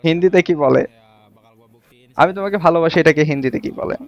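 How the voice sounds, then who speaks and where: A man's voice: a little high, fairly quick, dry recording, highs cut off. A man hosting a casual livestream, reading viewer comments aloud and quizzing them. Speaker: livestream host. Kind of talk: casual live-stream chat with viewers.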